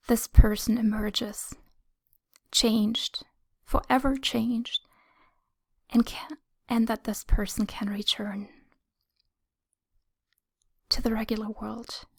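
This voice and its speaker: Whispering softly and breathily, a woman with a slightly high voice leads a guided meditation. She keeps it soothing and gentle, speaking in brief phrases with long pauses between them.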